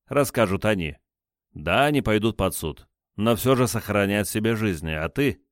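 A hard wartime interrogator lays out threats slowly and coldly, read by a man. His voice is very deep and the sound is dry. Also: lively intonation, no room sound, close to an everyday voice. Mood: menacing. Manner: cold, threatening, deliberate. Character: stern male wartime counterintelligence interrogator.

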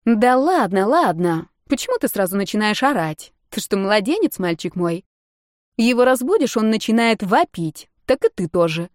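A woman voicing a loud, mocking young blonde woman in an audiobook, with a brash, teasing manner. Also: mid-range voice, big pitch swings, normal speed, dry recording, studio quality, natural voice. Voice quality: loud, snide.

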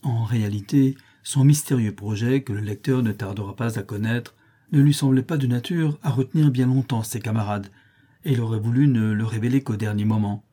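Husky, dark-voiced male narrator. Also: medium pitch, fairly quick. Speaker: audiobook narrator. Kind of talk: scripted narration.

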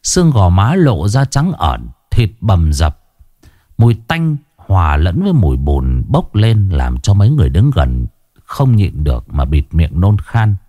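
Male horror storyteller, low mellow voice, lively pitch. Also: a little slow, no room sound, studio quality. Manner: dramatic, suspenseful. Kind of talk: scripted horror narration.

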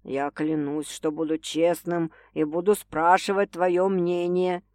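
A woman's voice: little pitch movement, darkish tone, dry recording. A woman doing a wry, domineering young man. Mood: wry, teasing. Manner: slow, low and wry. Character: teasing, domineering young man, ironic lover. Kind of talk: audiobook character voice.

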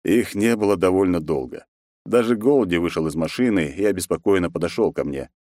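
Expressive male audiobook narrator, dry sound. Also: sits low, fairly quick, no room sound. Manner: expressive storytelling, does character voices. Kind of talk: first-person audiobook narration.

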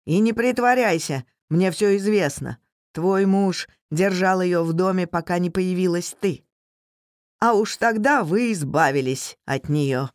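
A reader voicing a gruff, menacing male bounty hunter who snarls and barks his lines in a storybook reading. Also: medium pitch, no echo, clean studio sound, close to an everyday voice. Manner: snarling, barking.

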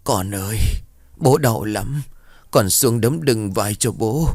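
A man voicing the ghost of a dead father, pleading softly and slowly. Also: on the low side, no echo, studio quality. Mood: mournful.

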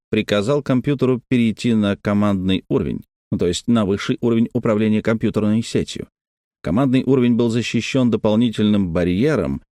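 A man narrating a novel as an audiobook, reading in a steady, even way. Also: lowish voice, no room sound, clean studio sound. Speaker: audiobook reader. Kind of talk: scripted narration.

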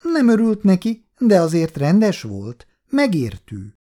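A man's voice: high-pitched, huge pitch swings, dark tone, voice pushed up. A man reading a story aloud and voicing a sensible young daughter who speaks firmly. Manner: firm.

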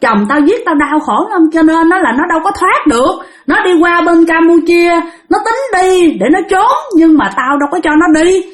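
Woman narrator doing a vengeful female ghost, lilt, piercing high voice. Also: animated, normal speed. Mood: furious. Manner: shrill, ranting, then wailing and pleading.

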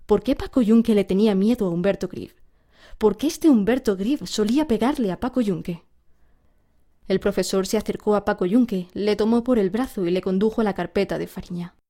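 A woman narrating a storybook aloud in a steady, even storytelling manner. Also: mid-range voice, fairly quick.

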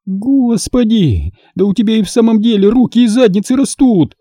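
A man's voice: high voice, big pitch swings, moderate pace, no room sound, studio quality, voice pushed up. Man voicing a furious bossy young woman. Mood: scolding. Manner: sharp, scolding, commanding.

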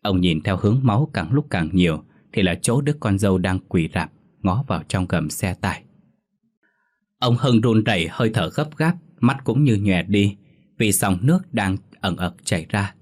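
A man narrating a ghost story in a steady, dramatic storytelling manner. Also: fairly low pitch, moderate pace. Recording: faint music underneath.

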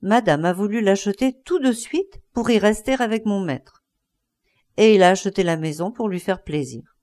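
A woman voicing an old, pious and stern female housemaid in a storybook reading, curt at first, then telling her master's story in a lowered voice. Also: animated, moderate pace, darkish tone, close to an everyday voice. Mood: confiding. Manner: dry, curt, then confiding.

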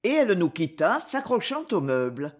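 An expressive audiobook narrator reading a literary novel. The voice is slightly husky, and the pitch moves in wide, lively contours. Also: moderate pace.

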